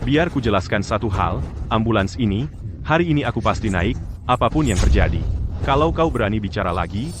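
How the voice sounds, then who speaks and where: A man's voice: lowish voice, expressive, fairly quick, noisy background, lightly acted. A man playing a sneering bully with a broken leg. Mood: threatening. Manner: sneering, threatening. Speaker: dub actor. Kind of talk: dubbed drama acting.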